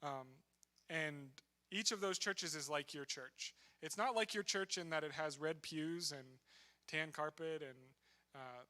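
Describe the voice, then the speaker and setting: A man's voice: fairly high pitch, unhurried, sharp tone. A man speaking as a missionary at a church, telling his story in a conversational, self-deprecating way. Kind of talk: church talk with testimony. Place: church sanctuary.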